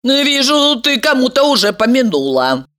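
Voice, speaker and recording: A woman's voice: very animated, moderate pace, fairly bright tone. A woman voicing a bossy, scheming young woman who scolds and shrieks at her friend. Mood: scolding, shrill. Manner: shrill, scolding, sarcastic.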